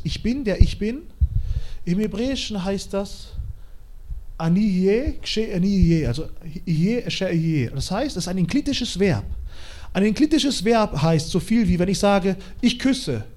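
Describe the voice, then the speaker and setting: A man preaching a sermon in an animated, colloquial way, swinging between quiet and loud. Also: high-pitched.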